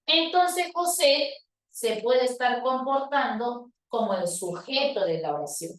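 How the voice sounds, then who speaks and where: A woman teacher patiently explaining grammar to her students, talking to them directly and voicing their questions. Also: fairly high pitch. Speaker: language teacher. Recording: roomy sound from a distant mic.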